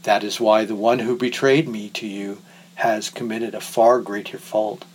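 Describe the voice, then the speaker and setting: Male reader as a quiet, steady condemned teacher, mid-pitched. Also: a little slow, breathy edge, low-quality recording. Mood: calm.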